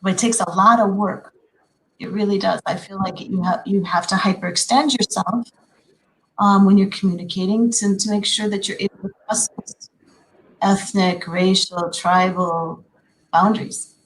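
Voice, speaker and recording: The audio is rough as a woman in her forties, an educator from Minnesota, joins a conversational panel discussion. Speaking at normal speed in a mid-range voice with fairly even intonation and a Minnesotan American accent, she sounds earnest but keeps restarting and filling pauses with ums.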